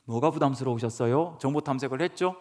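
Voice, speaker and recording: A man's voice: mid-range voice, quick pace, mellow. A man giving an earnest sermon lecture to a church congregation, often putting questions to the listeners. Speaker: guest speaker professor. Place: church sanctuary. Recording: reverberant church hall.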